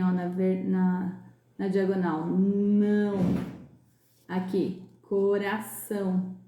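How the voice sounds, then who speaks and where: A woman teacher from Brazil walks young pupils through a lesson at a slow, patient pace. She stretches out sounds and words so each one is heard clearly. The room around her has a noticeable echo. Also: medium pitch, warm tone. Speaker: primary school teacher. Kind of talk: recorded class lesson correction.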